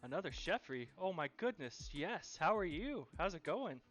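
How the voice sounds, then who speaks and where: A man's voice: on the high side, big pitch swings, moderate pace, a bit bright, soft background music. A man running a live cooking stream, chatting and cheerfully thanking viewers as he cooks.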